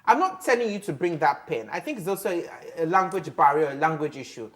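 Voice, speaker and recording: A woman argues her views on a television talk panel. Her voice sits low, but her pitch swings widely when she acts out quoted speech. She is emphatic and opinionated throughout. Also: expressive, fast. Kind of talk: studio discussion.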